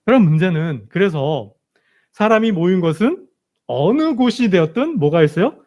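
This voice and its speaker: A man's voice: high-pitched, very animated, moderate pace, darkish tone. A male pastor preaching a sermon in a church, asking rhetorical questions and repeating emphatic phrases. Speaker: senior pastor. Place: church sanctuary.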